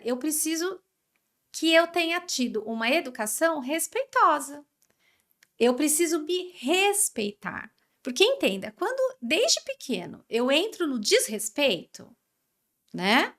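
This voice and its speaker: A Brazilian woman speaking as a podcast guest, explaining in an animated way and acting out what parents and children say. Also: high voice, measured pace. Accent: Brazilian Portuguese. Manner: animated, acts out quoted parents and kids. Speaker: guest expert on emotional education. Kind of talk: conversational podcast interview.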